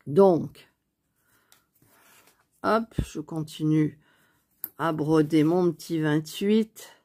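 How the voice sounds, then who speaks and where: A woman chatting softly as she stitches at home, thinking aloud in a casual cross-stitch tutorial recorded on a phone on a stand. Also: deep voice, breathy edge. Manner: speaks softly near the phone. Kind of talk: casual craft tutorial chat.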